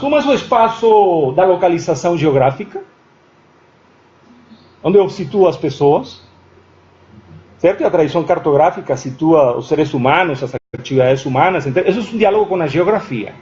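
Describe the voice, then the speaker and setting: A man's voice: sits high, warm tone. A man giving an academic lecture, thinking aloud with restarts and often checking in with "certo?" after his points. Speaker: guest lecturer. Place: university lecture room. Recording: dull lo-fi recording.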